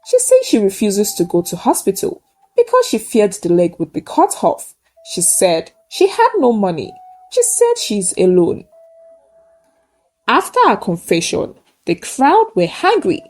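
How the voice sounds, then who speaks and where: A storyteller narrates a folktale dramatically in short, simple sentences, solemn and emphatic, ending with a moral. Her medium-pitched voice is a little mellow, moving at a measured pace with huge swings in pitch.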